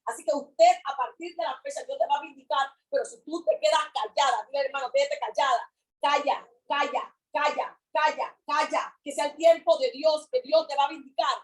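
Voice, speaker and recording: High-voiced fervent woman preaching. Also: fairly quick, rough recording. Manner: fervent, repeats phrases, swings from loud to hushed. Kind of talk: sermon.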